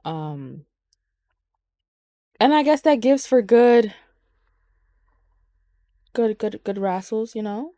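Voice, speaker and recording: A woman's voice: a little high, sing-song, slow, long pauses, dark tone, no room sound, clean studio sound. A woman co-hosting a podcast, chatting casually about wrestling with lots of ums and swearing. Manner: rambling, profane, frequent ums. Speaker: podcast co-host.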